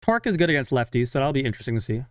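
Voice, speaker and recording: A man's voice: medium pitch, sing-song, smooth, no room sound, studio quality. A young man chatting casually on a live stream while following a game, talking to himself and his viewers. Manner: chatty, self-talking, sighs of frustration and quick laughs.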